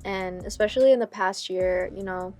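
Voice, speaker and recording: A young adult woman from Vietnam, a singer appearing as a guest, talks about her music in a casual interview. Her mid-range voice moves at normal speed, and her relaxed, hesitant delivery is full of fillers.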